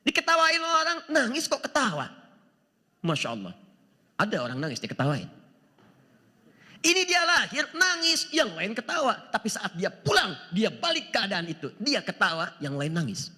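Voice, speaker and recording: Male preacher, high and very lively, bright voice, sermon in a reverberant large hall. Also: normal speed, slightly rough. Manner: animated, asks the audience rhetorical questions, chuckles; quotes scripture in Arabic. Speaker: Islamic preacher. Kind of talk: sermon to a live audience.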